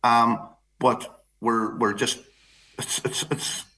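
A man with an Irish accent speaking off the cuff as an interview guest, halting and repeating his phrases. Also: medium pitch, level tone, sharp tone, low-quality recording. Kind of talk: campaign interview, spontaneous talk.

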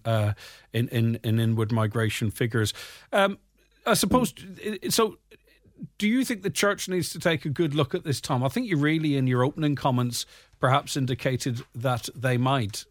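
A man's voice: medium pitch, no room sound, studio quality. A man hosting a current affairs radio interview, talking in a discursive, self-correcting way.

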